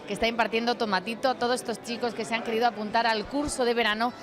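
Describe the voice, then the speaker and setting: A woman reporting for TV, her fairly high voice moving quickly through friendly questions. Guitar music plays clearly behind her. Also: fairly even intonation. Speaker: field reporter. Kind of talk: on-location TV interview.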